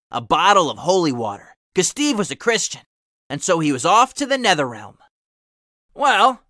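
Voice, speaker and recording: Cocky cartoon hedgehog host, played by a man: bright, lively storytelling, wry and sarcastic. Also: high-pitched, dry recording, studio quality, full character voice. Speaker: host and reader. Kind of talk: animated fan fiction reading with wry commentary.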